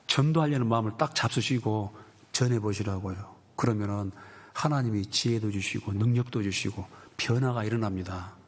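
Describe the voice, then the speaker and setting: A man preaching a sermon as pastor, telling stories with lively acted-out voices. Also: lowish voice, moderate pace. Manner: animated storytelling, acting out quoted voices.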